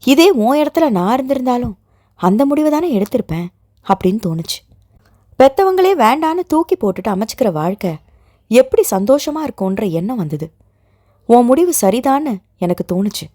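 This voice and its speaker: A woman voicing a tender, gently scolding young lover. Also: very high voice, sing-song, a little fast, dry recording, studio quality. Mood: tender reassurance. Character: young man, loving and protective fiancé.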